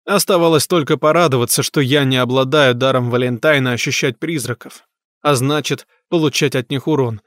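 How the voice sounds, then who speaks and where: A man's voice: mid-range voice, a little fast, fairly bright tone, no echo, clean studio sound. A man narrating a novel in a tense, grave manner. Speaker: audiobook narrator. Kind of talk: scripted narration of a horror novel.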